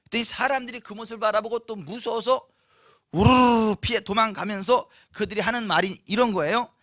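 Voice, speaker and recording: A pastor preaches at a night church service, telling a story lively and putting questions to the congregation. His voice is high and bright, and the sound is dry and close. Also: brisk, dry recording. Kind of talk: sermon.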